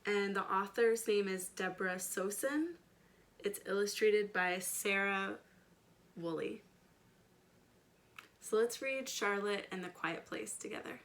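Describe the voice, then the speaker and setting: A storytime reader and children's educator reads a picture book aloud in a bright, medium-pitched voice, taking it slowly with long pauses. She speaks straight to the young listeners, asking them questions in simple words and adding chatty asides.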